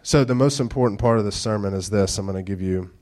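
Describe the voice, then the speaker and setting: Church announcements and dad jokes fill the casual sermon of this pastor, a man in his thirties with a very deep voice. Nasal congestion clogs his speech, which stays low, slow, and nearly monotone.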